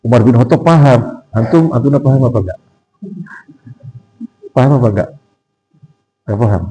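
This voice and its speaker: A man in a mosque giving a casual sermon as an ustadz, teasing the audience with questions and acting out quoted voices in a strained, raised pitch. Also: animated, moderate pace, dark tone, slight background noise, low-quality recording. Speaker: ustadz giving a pre-Ramadan study talk. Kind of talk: informal sermon.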